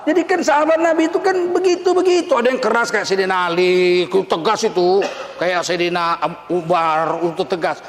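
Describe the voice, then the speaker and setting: A man preaching a lively, humorous sermon, teasing and laughing as he mimics the people he mentions. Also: high voice, fairly quick. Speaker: Islamic preacher. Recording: echoey hall, faint ambience.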